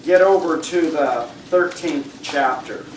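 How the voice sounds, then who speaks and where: A man with a slightly raised, hoarse voice teaches an adult Bible class in a relaxed, questioning way, often clearing his throat. He is picked up from a distance in an echoey church room. A faint hiss sits under the recording. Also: fairly high pitch, slow pace.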